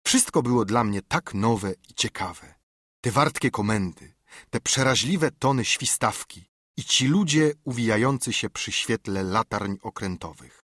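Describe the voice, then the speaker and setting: A man reading an adventure novel aloud as an audiobook narrator, in an expressive, lively manner. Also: lowish voice, measured pace, no echo, clean studio sound. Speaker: audiobook reader. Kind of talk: scripted narration.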